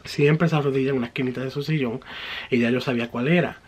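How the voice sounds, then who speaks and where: A man's voice: medium pitch, steady tone, fast, a little hiss or hum. A man giving a personal religious testimony in an earnest, fervent way, slipping English words into his story.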